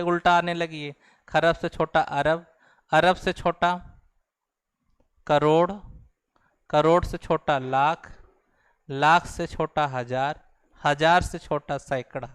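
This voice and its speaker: A man teaches a math class in a patient, repetitive way. His voice is a touch high and very clean. The recording is dry, with no room sound. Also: steady tone, a little slow, pauses often, fairly bright tone, clean tone, no echo. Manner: patient, repeats each step, calls out "bhai". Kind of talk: explaining place values on a board.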